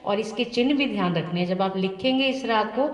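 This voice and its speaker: A woman music teacher talks students through theory at a patient pace, often posing a question and answering it herself. Her voice is mid-pitched and comes from a little way off the mic. The room rings with a long, echoey tail. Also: brisk, far from the mic, muffled recording.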